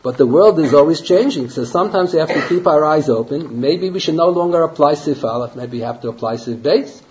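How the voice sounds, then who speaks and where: A man's voice: on the high side, expressive, brisk, background noise. A man teaching a Torah class in a conversational way, asking rhetorical questions and mixing Hebrew and Yiddish terms into his English. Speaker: rabbi teaching a Talmud class. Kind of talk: Torah lecture. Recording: dull lo-fi lecture recording.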